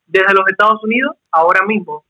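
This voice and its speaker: High, bright Cuban man. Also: a little fast, rough recording. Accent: Cuban Spanish. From Cuba. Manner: explanatory, conversational. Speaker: YouTuber guest. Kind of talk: casual chat.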